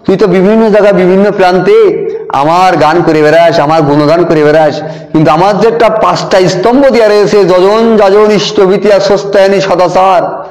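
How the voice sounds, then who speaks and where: A man's voice: high voice, moderate pace, darkish tone, low-quality recording. A man recounts a personal testimony as a podcast guest. He speaks earnestly and acts out each quoted line of dialogue, shifting his tone to carry the story along.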